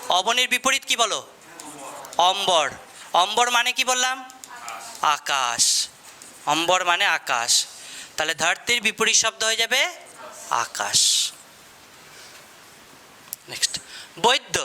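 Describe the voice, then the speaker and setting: A man with a Bengali accent teaches a class, firing questions at his students and repeating their answers back to them. His voice sits high and rings very bright. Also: sing-song, slow pace, long pauses. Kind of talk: classroom lesson.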